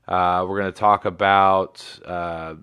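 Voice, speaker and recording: A man's voice: low voice, little pitch movement, slow pace, smooth, no room sound, phone-quality sound. A man in his thirties hosting a casual livestream sports show, laid-back and rambling with plenty of fillers. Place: home in Michigan.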